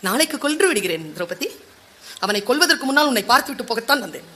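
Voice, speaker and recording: A woman voicing the young warrior prince Arjuna in a low, hushed, respectful tone. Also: very animated, fast talker, full character voice. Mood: gentle.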